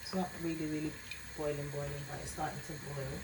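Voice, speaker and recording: In her home kitchen, a Jamaican-accented home cook talks quickly through a cooking tutorial in a chatty manner, tacking "yeah?" onto most phrases. Her voice is low-pitched with little pitch movement, and there is background noise.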